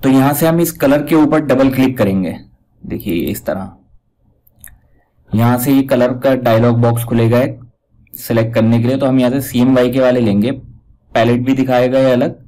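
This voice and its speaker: A man giving a casual step-by-step software tutorial, pointing out each step as he goes. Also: mid-range voice, moderate pace, poor audio. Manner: talks step by step, repeats "dekhiye" while pointing things out. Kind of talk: casual screen-recorded tutorial.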